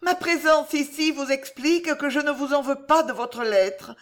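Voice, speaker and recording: A woman's voice: high voice, moderate pace, voice pushed up, close to an everyday voice. A woman reading an audiobook, voicing a passionate young noblewoman in a heightened, tremulous way. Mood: pleading passion.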